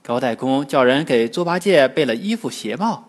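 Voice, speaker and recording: A man narrating a classic tale for children in an expressive storytelling manner. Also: medium pitch, normal speed. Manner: lively, expressive. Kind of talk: scripted narration.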